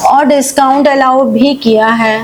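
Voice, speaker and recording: A woman teacher leads a live class at an unhurried pace. She reads each question out slowly, then explains it in a Hindi-mix and keeps checking that the students follow. A faint hiss sits behind her voice. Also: high-pitched, fairly even intonation, poor audio. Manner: checks understanding with frequent "ठीक है" and questions. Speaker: accountancy teacher. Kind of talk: live online class, solving problems step by step.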